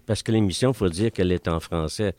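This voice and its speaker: Into a studio microphone, an older Franco-Ontarian man from Ontario, Canada, gives relaxed answers as a radio guest. His low voice is slightly mellow, fairly quick, and carries a Franco-Ontarian French accent, on a dry recording. He rambles, using lots of fillers.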